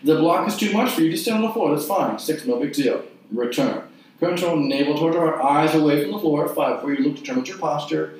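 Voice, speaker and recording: A man leading an exercise class, giving short, clipped cues and counting repetitions in a measured rhythm. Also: on the high side, a little mellow. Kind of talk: guided mat exercise instruction with counted repetitions. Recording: very echoey room, distant mic.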